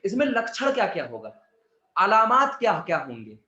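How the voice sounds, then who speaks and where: A man's voice: high-pitched, wildly swooping pitch, moderate pace, bright, forceful tone, echoey room, highs cut off. A male biology teacher giving a chatty exam-prep lecture with words, asking his students' questions in his own voice.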